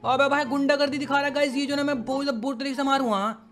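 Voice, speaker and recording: A man doing excitable, slangy gameplay commentary and keeps calling out to viewers as guys. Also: very high-pitched, quick pace, soft background music. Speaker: gaming YouTuber.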